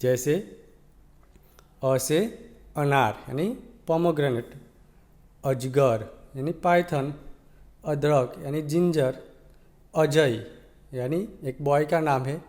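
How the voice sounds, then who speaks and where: Teacher, male, Gujarati accent, higher voice, slow deliberate pace, spells out every syllable for small kids. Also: darkish tone. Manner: sounds out letters one at a time, keeps asking "ठीक है". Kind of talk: slow, patient children's lesson.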